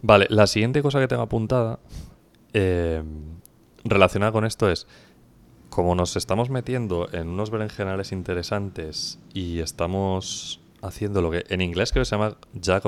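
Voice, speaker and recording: A man in his thirties with an accent from Spain, chatting casually as a podcast co-host in a hoarse, gravelly voice. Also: sits low, moderate pace. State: hoarse from coughing. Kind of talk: casual chat.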